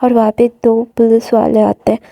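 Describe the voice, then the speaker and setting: A woman's voice: a little high, little pitch movement, moderate pace, gravelly, dark tone, no room sound. A woman casually retelling a fan story in a rambling way, full of repeated filler words.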